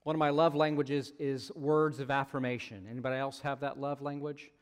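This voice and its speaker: A man's voice: mid-range voice, little pitch movement, brisk, clean tone, long reverb tail. A man preaching a sermon as pastor, conversational with jokey asides and frequent "right?" checks to his congregation. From United States.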